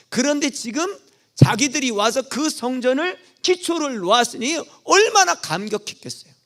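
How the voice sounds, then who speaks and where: A man preaching a Sunday sermon in a church, telling the story vividly, asking questions and answering them, dropping to soft asides and rising to loud calls. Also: gravelly. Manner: animated storytelling, asks and answers own questions; swings between soft low asides and loud exclamations. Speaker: pastor. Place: church sanctuary.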